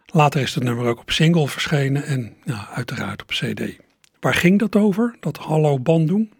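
Husky-voiced male radio host. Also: fairly high pitch, normal speed, dry recording, studio quality. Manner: calm, explanatory storytelling. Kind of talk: radio presenting about old records.

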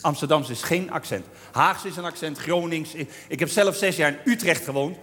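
Man, humorous storyteller, slightly high voice, long reverb, lively delivery. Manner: lively, imitates Amsterdam singers with drawn-out vowels. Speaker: storyteller on stage.

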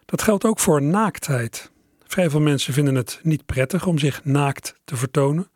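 A man's voice: a little high, normal speed, darkish tone, dry recording, studio quality. A middle-aged man presenting a radio show, musing conversationally between records and addressing listeners directly.

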